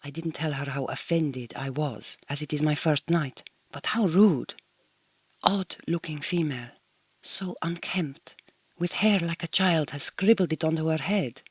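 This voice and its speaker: In a radio drama, an actress voices a proud, homesick Hungarian migrant woman recording her audio diary, speaking slightly stilted, formal English with a Hungarian accent. Her tone is offended and disdainful, her voice low-pitched, a little slow and breathy, with no room sound.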